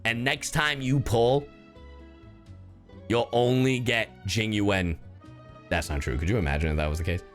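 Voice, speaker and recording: Faint game music plays under this livestream, where a streamer who is also a professional voice actor reacts to his game with loose, jokey, profane remarks. He speaks at a fairly low pitch, a little slowly, with frequent pauses.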